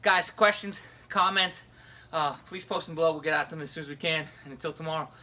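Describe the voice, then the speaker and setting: A man's voice: fairly high pitch, a little fast, pushed and bright, a little hiss or hum. A man giving a casual fitness lesson, explaining step by step and checking in with "right?" and "okay?". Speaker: fitness coach. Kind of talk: casual instructional video.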